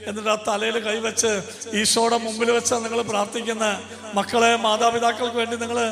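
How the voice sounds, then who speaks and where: A man's voice: very high-pitched, completely flat delivery, quick pace, vocal fry, crowd noise. A man leading a congregation in emotional prayer, fervently calling out repeated commands and questions. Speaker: prayer leader. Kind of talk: emotional prayer-service preaching. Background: music.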